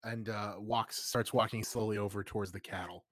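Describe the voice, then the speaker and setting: A man with a low voice describes what his character does in a tabletop game, his remarks wry and deadpan. His voice is dry and close, with no room sound. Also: brisk, no echo. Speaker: player. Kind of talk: casual tabletop banter.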